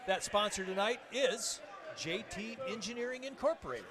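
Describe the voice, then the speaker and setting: A man giving excitable live commentary on a high school wrestling match, laughing between calls. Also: moderate pace. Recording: loud crowd and noise behind.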